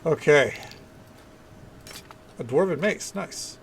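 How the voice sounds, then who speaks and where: Gravelly-voiced man streaming a game. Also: on the high side, lively intonation, takes it slowly, slight background noise. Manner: informal, chatty, thinking aloud. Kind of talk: casual gameplay commentary.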